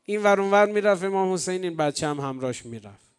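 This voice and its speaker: A man preacher telling a story in a mourning sermon, moving between hushed speech and loud, slow chanted lament. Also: high-pitched, animated, clear, resonant tone.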